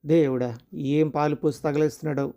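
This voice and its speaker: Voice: medium pitch, level tone, fairly quick, warm tone, voice pushed down, close to an everyday voice. A storyteller voicing a middle-class working wife and mother who is irritable and sarcastic, read in a storybook style. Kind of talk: storytelling dialogue.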